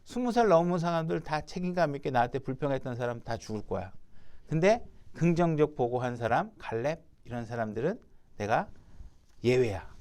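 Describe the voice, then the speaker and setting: A man's voice: mid-range voice, lively intonation, fairly quick, darkish tone. A man preaching a sermon as pastor, talking conversationally and putting rhetorical questions to his congregation. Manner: reads scripture aloud, then acts out its speakers.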